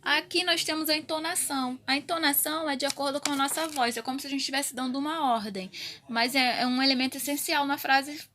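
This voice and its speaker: Bright high-voiced woman teacher. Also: fast, a little hiss or hum. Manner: explains step by step with frequent check-in tags. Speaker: primary school teacher. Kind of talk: recorded grammar lesson for children.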